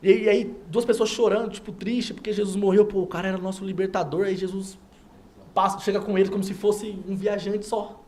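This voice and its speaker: A man's voice: sits high, little pitch movement, fairly quick, darkish tone. A man, a guest on a TV talk show, telling a personal faith story and acting out everyone's lines. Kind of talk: animated personal testimony. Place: TV studio.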